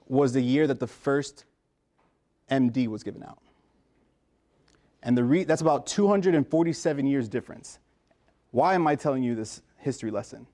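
A mellow, medium-pitched man in his thirties from the United States, a pharmacist invited to speak, chats informally with a room of students in a lecture hall. His casual talk is loaded with fillers and restarts.

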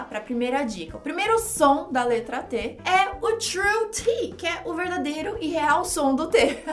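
A Brazilian woman teaching English pronunciation in an upbeat online lesson, drilling words for the listener to repeat. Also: high voice.

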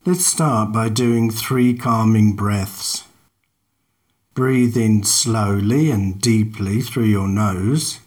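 A man narrates a guided meditation in a calm, measured, unhurried way, leaving long pauses between instructions. His voice is on the low side.

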